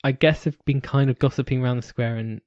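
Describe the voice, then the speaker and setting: A man's voice: mid-range voice, fairly even intonation, fast talker, no room sound. Wry British man, dry podcast sound. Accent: British English. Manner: wry and joking, trailing off into soft asides. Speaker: podcast co-host. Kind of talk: casual podcast chat. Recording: dry, dull lo-fi podcast audio.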